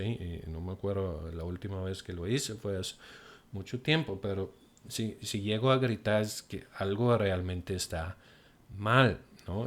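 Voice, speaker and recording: Slow, deliberate man preaching. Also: fairly low pitch, a bit bright. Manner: slow and deliberate, explaining with pauses and examples. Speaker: pastor. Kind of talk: teaching sermon.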